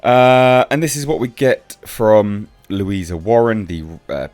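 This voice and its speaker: A film reviewer and channel host gives casual, off-the-cuff commentary on film news, blunt and sceptical in manner. His voice is fairly low and darkish, his pace unhurried. The recording has no echo, with faint music behind him.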